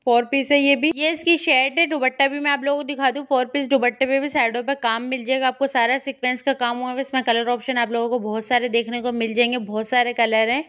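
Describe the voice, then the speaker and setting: A woman's voice: sits high, flat delivery, fast talker, hardly any pauses, fairly bright tone. A woman giving a casual shopping vlog from a fabric shop in an indoor market, talking to viewers in chatty, repetitive sales patter through a handheld phone. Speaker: shopping vlogger.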